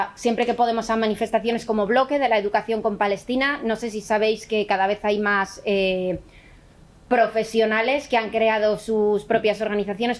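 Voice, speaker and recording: Woman talking earnestly, kinda high voice, keeps restarting as she thinks. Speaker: teacher activist. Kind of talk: conversational explanation.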